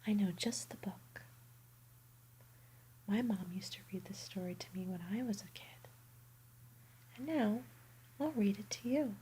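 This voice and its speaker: A woman doing a bedtime ASMR roleplay in a soft, soothing whisper. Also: medium pitch, unhurried, long pauses, slight background noise, low-quality recording.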